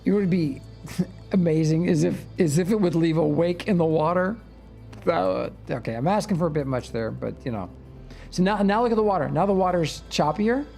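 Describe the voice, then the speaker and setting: A man's voice: on the high side, animated, moderate pace, creaky, a little mellow, soft background music. A man hosting a game livestream, chatting eagerly and trailing off with fillers as he sails around. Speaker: streamer host. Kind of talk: casual livestream chat.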